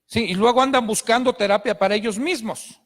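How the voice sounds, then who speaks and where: High-voiced male pastor preaching. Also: a little fast, fairly bright tone, big-room sound. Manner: emphatic storytelling. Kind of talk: sermon.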